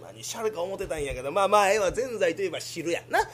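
A man's voice: sits high, lively intonation, racing, crowd noise. A man with a Kansai accent performing a solo comic sketch for a podcast, with grumbling, self-mocking asides. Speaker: podcast comedian.

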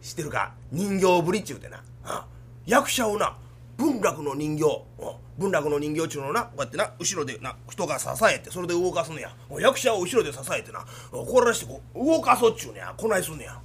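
A man's voice: a little high, big pitch swings, quick pace, pitched below the performer's own voice. A man voicing a theater-crazy young heir with a Kansai accent who slips into stagy kabuki declamation. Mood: chatty. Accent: Kansai Japanese.

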